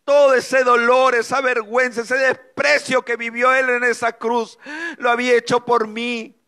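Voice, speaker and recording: High-pitched middle-aged man, church testimony, emotional preaching with dramatic pauses. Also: level tone, bright, forceful tone. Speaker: speaker giving a testimony.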